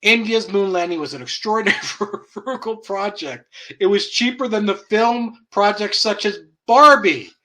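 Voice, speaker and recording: A man's voice: high voice, normal speed, sharp tone. A man hosting an online commentary show, blunt and profane, chuckling mockingly as he rants. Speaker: host.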